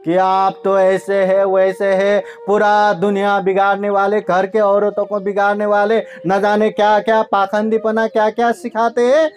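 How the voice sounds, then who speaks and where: A man, a Buddhist monk, telling a story in a sermon in a slow, conversational way, often checking in with his listeners. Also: sits high, completely flat delivery.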